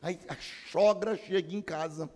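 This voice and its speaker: A Brazilian man preaching a sermon as pastor, animated and humorous, acting out the prayers of churchgoers. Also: high voice, normal speed, a little hiss or hum. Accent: Brazilian Portuguese. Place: church hall. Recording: long church-hall reverb.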